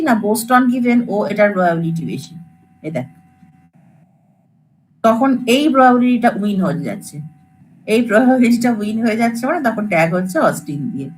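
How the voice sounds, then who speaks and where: A woman's voice: a little high, a little hiss or hum, poor audio. A woman lecturer, explaining to students in a casual, coaxing classroom way. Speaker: computer science lecturer.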